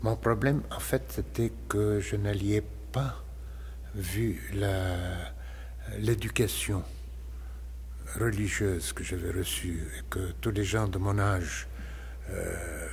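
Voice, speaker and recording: A man, giving a slow, measured and reflective personal testimony as a parishioner. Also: lowish voice, steady tone, vocal fry, slight background noise. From Lebanon.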